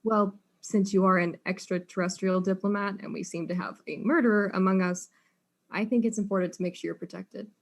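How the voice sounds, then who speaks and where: An actress playing a polite but persistent female detective in a student audio drama, asking calm, probing questions. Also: medium pitch, fairly quick, close to an everyday voice.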